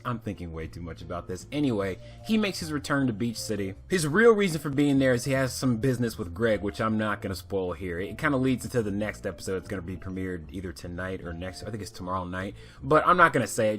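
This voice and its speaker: A man's voice: fairly low pitch, lively intonation, quick pace, few pauses, a bit bright. A man reviewing a cartoon in a casual, rambling rant, swearing freely and filling his talk with "like". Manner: rambling, profane, fillers.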